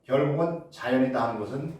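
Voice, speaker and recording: A man's voice: mid-range voice, fast talker, darkish tone. A male lecturer giving a public humanities talk, posing rhetorical questions and answering them himself, with many filler sounds. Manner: frequent filler sounds and restarts. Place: lecture hall. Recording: very echoey hall, distant mic.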